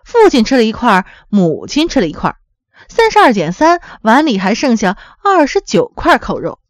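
A woman narrating a story in an expressive, dramatic storytelling manner. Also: fairly high pitch, moderate pace, dry recording, studio quality.

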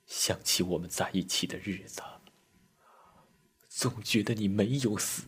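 Male storyteller as a young soldier in grief, tearful murmur, husky. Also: on the low side, a little slow. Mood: grieving murmur. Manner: tearful, murmuring, bursts into shouts. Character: grieving young male soldier, mourning a comrade.

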